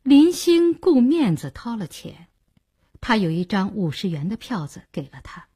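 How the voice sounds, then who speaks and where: A woman narrating a novel as an audiobook in a measured, expressive storytelling manner. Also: medium pitch, husky.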